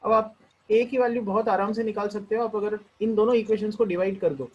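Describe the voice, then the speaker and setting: A man with an Indian accent teaching a math lesson, working through the steps one at a time and slowing down to read each equation aloud. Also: sits high, fairly even intonation, a little mellow, husky, lo-fi sound. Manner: explains step by step, mixing Hindi and English; slows down when reading out equations. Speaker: math tutor.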